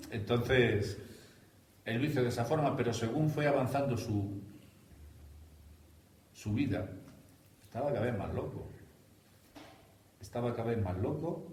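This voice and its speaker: A man with a Spanish accent from Spain, giving a devotional talk to a group, animated and teasing. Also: fairly low pitch, a little hiss or hum. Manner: animated, teasing, laughs at own jokes. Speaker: spiritual teacher. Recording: echoey room from a distance.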